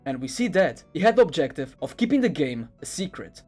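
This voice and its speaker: Very animated and fairly quick, a man with a fairly high, darkish-toned voice reads scripted narration like an internet video essay. Background music runs under his voice.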